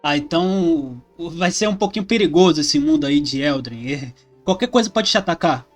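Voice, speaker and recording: A man hosts an interview, asking casual questions in a fairly high voice. Faint music plays behind him. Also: expressive, moderate pace. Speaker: host.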